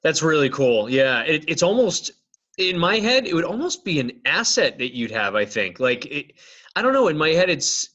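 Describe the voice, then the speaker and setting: A male podcast host with a bright, slightly higher voice banters with his guest and circles through his thoughts out loud. The audio is dull and lo-fi, as if recorded on a modest mic. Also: very animated, moderate pace. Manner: joking, thinks aloud with fillers. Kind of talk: casual interview conversation.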